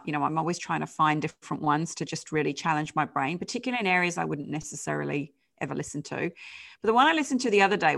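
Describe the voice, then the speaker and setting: On a podcast, a change management consultant from the United Kingdom chats as the interview guest. She is middle-aged, with a low, creaky, gravelly voice, and her easygoing speech is full of fillers and mid-sentence corrections.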